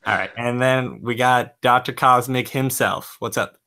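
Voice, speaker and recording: A man's voice: mid-range voice, fairly even intonation, measured pace, sharp tone. A young man hosting a casual movie podcast, upbeat and joking with his co-hosts. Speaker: podcast host.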